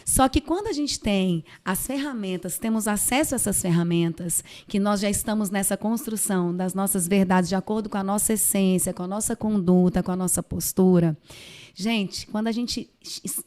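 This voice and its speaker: Animated middle-aged woman, vivid storyteller. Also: mid-range voice, brisk. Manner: animated, acts out her own and her kids' voices. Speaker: guest. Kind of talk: casual podcast talk.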